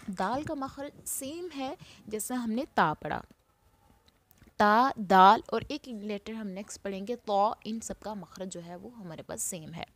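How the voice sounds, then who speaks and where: A woman teacher giving a recorded lesson on Quranic recitation, explaining where each letter comes from and saying the letters slowly and loudly as examples. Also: mid-range voice, dry recording.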